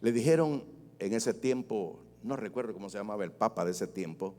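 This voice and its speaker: Animated middle-aged man preaching a sermon. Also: fairly low pitch, fairly quick. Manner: animated preaching with rhetorical questions and sharp swings in loudness. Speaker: pastor. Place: church. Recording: long reverb of a church hall.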